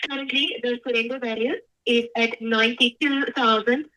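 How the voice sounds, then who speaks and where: A woman's voice: fairly high pitch, steady tone, moderate pace, sharp tone, low-quality recording. A woman working as a customer service representative on a call, giving formal, polite and careful answers.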